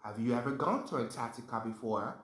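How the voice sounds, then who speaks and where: A woman hosting a first-words lesson, talking as if to a toddler in an encouraging, animated way with simple repeated phrases. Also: extremely low pitch, brisk. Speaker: children's teacher and host. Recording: roomy sound under loud music. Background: music with guitar.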